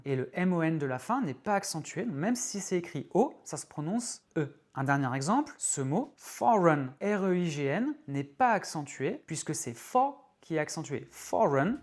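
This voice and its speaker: A man whose first language is French gives a clear, explanatory online English lesson and spells out words letter by letter. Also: on the high side. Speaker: English teacher.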